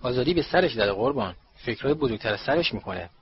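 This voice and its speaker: A fretful little female house-elf frets and bows in a high squeaky voice, as a man reads her. She speaks with anxious deference to her master's world. The storybook recording sounds dull and lo-fi. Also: animated, natural voice. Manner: anxious, deferential, keeps saying sir.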